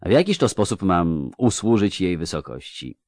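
A man's voice: deep voice, big pitch swings, moderate pace, a little mellow, dry recording, studio quality. A man voicing a reserved, terse male witcher in a read-aloud story.

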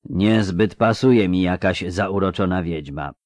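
A man's voice: low-pitched, darkish tone, dry recording, clean studio sound, voice pushed down. A man reading an audiobook, voicing a haughty nobleman conspirator who drags out his syllables. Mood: sneering. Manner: drawn-out syllables. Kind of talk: audiobook character voice.

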